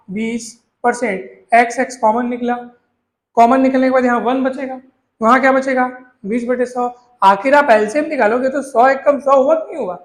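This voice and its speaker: A male maths teacher, explaining a lesson in a coaxing way, repeating points and asking his students questions. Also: very high-pitched. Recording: echoey room.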